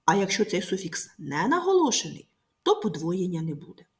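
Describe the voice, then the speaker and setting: Woman teacher with a lively voice. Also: lowish voice. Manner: clear, slow, stressing each word. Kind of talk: recorded video lesson for pupils.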